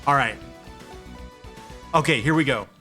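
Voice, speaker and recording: Slow-talking jokey streamer man. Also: mid-range voice, bright, forceful tone, soft background music. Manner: jokey, chatty, laughs often, talks to chat. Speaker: streamer playing retro games. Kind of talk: casual live game commentary.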